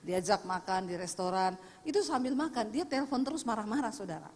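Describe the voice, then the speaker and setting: A woman pastor preaching a lively sermon, telling stories and teasing her congregation. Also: medium pitch, fairly quick. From Indonesia. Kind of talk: sermon with storytelling. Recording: long hall reverb.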